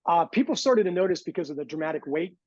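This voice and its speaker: A man with a notably high voice talks through his story in a relaxed, lighthearted way, with a quirky streak in his humor. He sounds middle-aged. The sound is dry and muffled, as if recorded on a lo-fi line. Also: fast talker, dry recording. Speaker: podcast guest, former bodybuilder. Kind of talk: casual storytelling interview. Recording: dull lo-fi sound.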